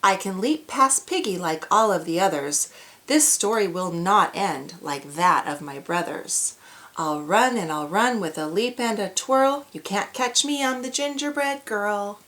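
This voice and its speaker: A woman's voice: on the low side, expressive, measured pace. A woman voicing a cheeky, confident young gingerbread girl from a storybook, delivering boastful rhymes in a sing-song way. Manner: sing-song rhyming taunts.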